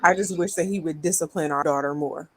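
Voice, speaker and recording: A woman's voice: low-pitched, brisk, a bit bright, rough recording. A woman on a podcast panel, speaking frankly and earnestly in casual chat.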